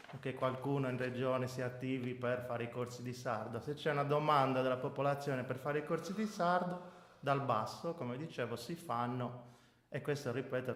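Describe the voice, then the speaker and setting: Emphatic man in his forties from Sardinia. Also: medium pitch. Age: 40s. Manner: emphatic, repeats points for weight. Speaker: interview guest, writer. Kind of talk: radio interview answers. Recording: roomy echo.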